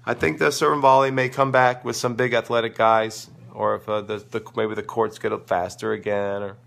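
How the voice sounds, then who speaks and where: Hosting his live online show, the tennis coach answers viewers casually and emphatically, voicing firm opinions despite a sore throat that is taking his voice away. What remains is crackly and gravelly, on the low side, a bit bright, fairly quick and flatly delivered.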